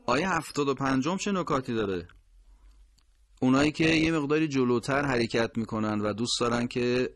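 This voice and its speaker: A man teaching Quran recitation who explains patiently and corrects mistakes, slowly drawing out each example word. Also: mid-range voice, no room sound, clean studio sound. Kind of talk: instructional explanation with drawn-out pronunciation examples.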